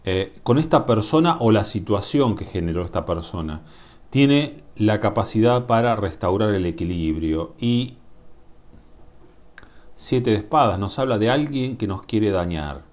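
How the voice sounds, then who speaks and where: A man with a Rioplatense Spanish accent reading tarot cards to camera in a musing, drawn-out way, often asking "mm?" to the viewer. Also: lowish voice, lively intonation, a little mellow. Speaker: tarot reader. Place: indoors at a table. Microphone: camera above the table, speaker off-screen.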